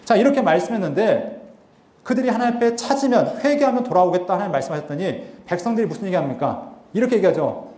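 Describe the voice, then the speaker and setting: A man teaching a Bible seminar with a high, light voice. He talks in an earnest lecturing tone and keeps posing questions he answers himself. The sound rings around a roomy lecture hall. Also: lively intonation, fast talker, a little mellow. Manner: earnest, asks and answers his own rhetorical questions. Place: lecture hall at a theological university.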